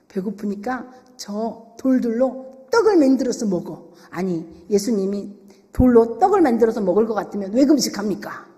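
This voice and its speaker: A woman's voice: fairly high pitch, a little mellow. Emphatic woman pastor preaching in a church. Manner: emphatic, full of rhetorical questions. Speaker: senior pastor. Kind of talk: sermon. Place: church sanctuary. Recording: long reverb of a church hall.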